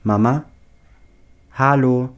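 Anxious earnest teen boy, read by a man, ordinary mid pitch. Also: level tone, normal speed, darkish tone, close to an everyday voice. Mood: flustered. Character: anxious teenage boy, easily led.

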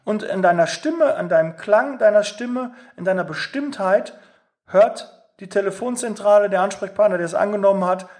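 Man, high-pitched, emphatic sales coaching talk, direct. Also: normal speed, darkish tone. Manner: direct, emphatic, acts out quoted dialogue.

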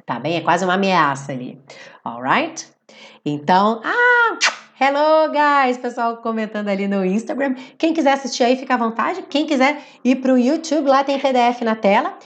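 A woman with a Portuguese first language teaches an English lesson live, and her voice moves through a wide, animated pitch range. She explains each point patiently and keeps asking her viewers whether they follow. When she reads English song lines, she slows right down. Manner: explanatory, checks in with "certo?" and "tá bem?"; reads English lyrics slowly and deliberately. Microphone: computer setup with phone beside.

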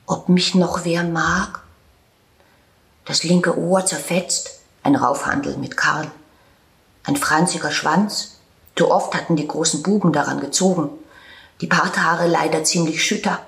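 A woman narrating a storybook tale with a calm, tender reading manner and soft whispered passages. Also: deep voice, unhurried, vocal fry. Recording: roomy echo.

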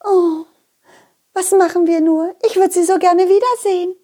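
A woman voicing a cheerful, giggly female donkey with a high, gushing voice. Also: steady tone, normal speed, dark tone. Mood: eager.

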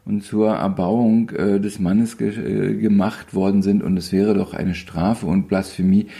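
A photographer in his fifties, interviewed as a guest, talks in a lowish voice with vocal fry, a little slowly. He's a relaxed, rambling storyteller, casual and wryly humorous, with frequent hesitations.

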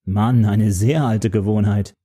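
A man's voice: fairly low pitch, steady tone, a little slow, dark tone, breathy edge. A man voicing a cocky young male firefighter who talks breezy and teasing in a storybook.

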